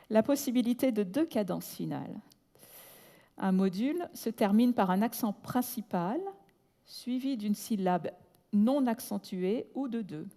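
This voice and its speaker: A woman delivers a prepared academic lecture in a large hall, her mellow, darker voice carrying a long reverb tail. She reads in a measured, deliberate way and slows right down to spell out technical terms. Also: a little high. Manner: breaks off with brief asides in English. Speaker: conference speaker.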